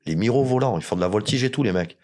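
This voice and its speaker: Low-voiced blunt joking Frenchman. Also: rapid-fire. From France. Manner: blunt, joking, swears freely. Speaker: podcast guest. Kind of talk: casual storytelling chat.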